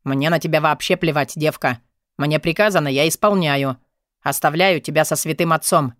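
A coarse prison guard speaks bluntly and with scorn, as a woman narrator puts him on. The voice is pushed lower than her own. The sound is close and dry. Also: normal speed, no room sound, natural voice. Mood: scornful. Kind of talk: audiobook character voice.

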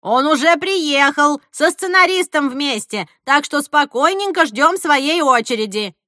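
A woman voicing a bossy female administrator who booms orders to a crowd. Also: animated, unhurried, bright, forceful tone, dry recording, clean studio sound, exaggerated voice. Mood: commanding. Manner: booming, commanding.

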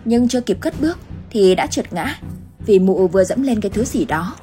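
A woman narrating a horror story in a steady, dramatic way. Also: medium pitch, brisk. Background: faint music.

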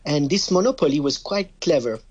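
A man's voice: a little high, animated, brisk, darkish tone, breathy edge, dull audio. A man from Quebec with a French-Canadian accent, a wine business guest talking on a radio show over the phone, with many hesitations and restarts. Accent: Québécois French.

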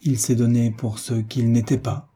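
A man voicing an earnest young gentleman in an audiobook, explaining gently and earnestly. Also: medium pitch, flat delivery, normal speed, breathy edge. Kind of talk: audiobook character reading.

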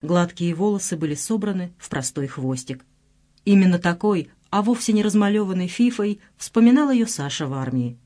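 A narrator reading a novel aloud in an expressive, dramatic way. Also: medium pitch, normal speed. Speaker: audiobook narrator. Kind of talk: scripted narration.

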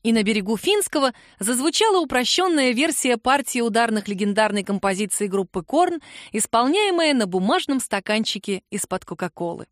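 A woman reading a novel aloud in a fairly high, even narrating voice, switching into character voices for dialogue. The read is close-miked and dry with no room sound. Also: fairly quick, few pauses, dry recording. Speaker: audiobook narrator. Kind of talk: scripted narration.

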